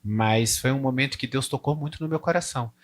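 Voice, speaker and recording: A male pastor preaches in an informal, storytelling way, voicing prayers and talks with God as he goes. His voice sits at an ordinary middle pitch. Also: fairly quick. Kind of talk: conversational sermon.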